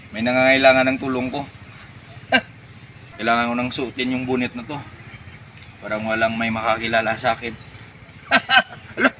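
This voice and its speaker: A man playing a naive, excitable would-be superhero in a comedy skit, thinking aloud in melodramatic exclamations. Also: medium pitch, normal speed, pauses often, natural voice. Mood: secretive, hopeful. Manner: exclamatory, melodramatic self-talk with villain-like laughing. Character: excitable naive man turning superhero after a chicken peck. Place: outdoors. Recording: noisy outdoor recording with vehicle sounds.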